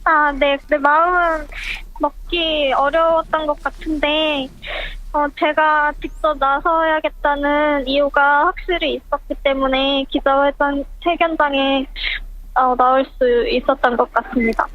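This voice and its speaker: Anonymous phone guest, pitch-shifted voice disguise raised high, halting delivery, tinny line. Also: level tone, no room sound. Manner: halting, hesitant speech with many pauses. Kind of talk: radio phone interview. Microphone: telephone.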